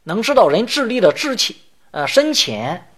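A man with a high-pitched, sing-song voice and fairly bright tone delivers a Buddhist sutra lecture. He explains each term in turn and chants the verse lines at a slow pace.

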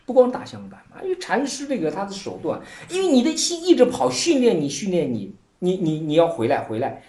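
A Buddhist teacher tells a Chan koan as a lively story, the voice swinging high and low as the tale unfolds. Laughter and filler words run through the telling. The voice carries the ring of an echoey room. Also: a little fast. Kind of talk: Chan dharma talk retelling a koan.

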